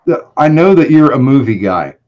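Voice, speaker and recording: Guy cohosting a podcast over a video call, voice comes through tinny and metallic like a tin can, kinda halting, dull lo-fi sound. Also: medium pitch, big pitch swings. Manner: hesitant, halting delivery. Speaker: podcast co-host and writer. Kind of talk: casual chat. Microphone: video call app.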